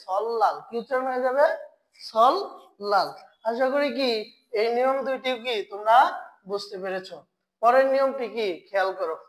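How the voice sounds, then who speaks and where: A woman teaching Korean pronunciation in an online lesson, asking questions and then answering them herself, and repeating key sounds slowly for her learners. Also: a little high, rough recording.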